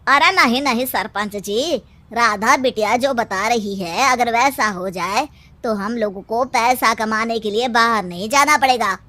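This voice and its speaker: A woman playing a simple, excitable village man in a cartoon story, speaking in a loud, drawn-out manner. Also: a little high. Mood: earnest.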